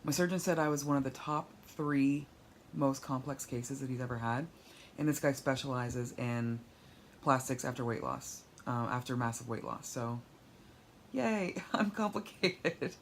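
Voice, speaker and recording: A patient vlogger recovering at home from surgery speaks at a moderate pace in a bass voice with fairly even intonation. Feeling weak and sore, she rambles in a candid, wry way into a tablet held above her as she lies down, with slight background noise.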